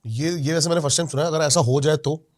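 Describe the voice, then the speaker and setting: A man's voice: a little high, steady tone, quick pace, a little mellow. A man hosting a podcast, asking curious questions and giving short replies. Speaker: podcast host. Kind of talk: podcast conversation.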